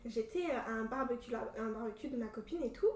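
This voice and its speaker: High-voiced young woman, animated, distant echo. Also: quick pace, slight background noise. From Cameroon. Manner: animated storytelling, many fillers. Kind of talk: casual chat. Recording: echoey room from a distance.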